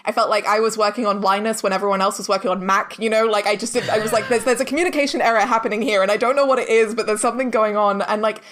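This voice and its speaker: A woman who directs and produces audio dramas chats as a podcast guest in a casual interview, effusive and earnest and constantly saying "like." Her medium-pitched voice is a bit bright, fairly even in intonation, and rapid-fire with hardly any pauses.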